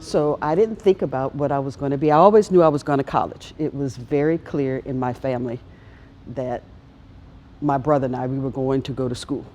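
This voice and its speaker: A woman's voice: very deep voice, brisk, warm tone, slight background noise. A woman from Louisiana, a panel guest who tells her story in a playful, laughing way. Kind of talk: panel interview.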